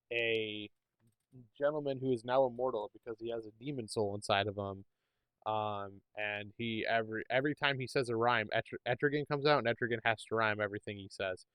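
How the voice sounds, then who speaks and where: A podcast co-host chats casually, rambling along with plenty of fillers and restarts. His voice is medium-pitched, a little bright and smooth, moving at a normal pace. There's no room sound, though the recording itself is rough.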